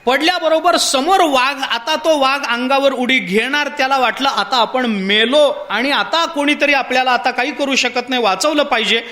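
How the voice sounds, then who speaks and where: A man's voice: very high-pitched, moderate pace, few pauses. A man giving a devotional discourse, telling a parable and putting rhetorical questions to his listeners. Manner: poses rhetorical questions to the audience; animated storytelling with parable. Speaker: spiritual discourse speaker.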